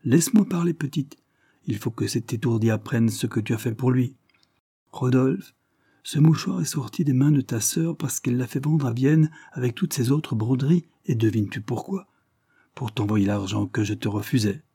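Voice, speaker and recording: A man's voice: mid-range voice, moderate pace, dark tone, husky. A man reading the part of a firm, commanding middle-aged aunt in a storybook reading.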